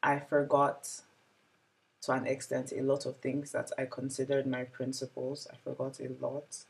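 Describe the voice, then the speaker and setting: On a low-quality recording, a woman in her twenties speaks in a creaky, monotone bass voice at a moderate pace. As a vlogger doing a casual year-in-review chat, she reflects on things for her audience, using many "like" fillers.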